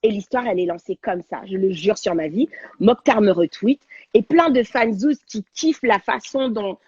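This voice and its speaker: Husky woman telling a story excitedly. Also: medium pitch, normal speed, no echo, dull audio. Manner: animated, slangy, dramatic retelling. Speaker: talk show guest, radio and TV presenter. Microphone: video call on a livestream.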